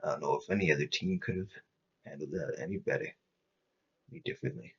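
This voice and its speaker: A calm, supportive male boss, acted by a man in a tabletop game, reassures in measured phrases. The voice is deep and full of fry, with slightly dull sound. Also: full character voice. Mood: calm, consoling.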